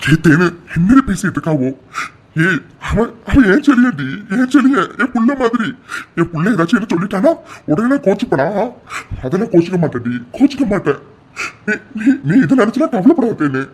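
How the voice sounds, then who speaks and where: Cartoon role: man doing a loving, simple village uncle, husky and high. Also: big pitch swings, fairly quick, heavily acted. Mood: comforting. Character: humble uneducated village uncle, proud and loving. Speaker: uncle of the family. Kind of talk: cartoon voice acting.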